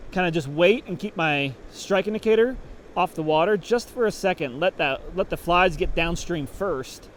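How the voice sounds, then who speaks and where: Fishing outdoors by a creek, a man whose voice sits high talks at a normal pace about fly fishing technique. His delivery is casual and thought-out-loud, with some hiss or hum in the background.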